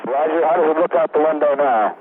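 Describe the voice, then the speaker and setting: Ground controller: man, fairly high voice, crisp procedural read-backs, breaking-up radio, tinny with heavy hiss. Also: a little fast. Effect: crackly, breaking-up space-to-ground radio. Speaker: ground capsule communicator. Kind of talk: mission radio communication. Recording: tinny, noisy vintage radio link.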